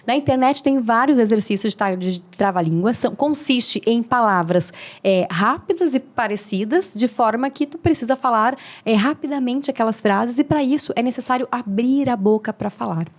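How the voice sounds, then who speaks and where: A woman's voice: fairly high pitch, normal speed, few pauses. A woman, a speaking mentor explaining tips in a friendly, teaching way as a podcast guest. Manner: didactic, demonstrative, friendly.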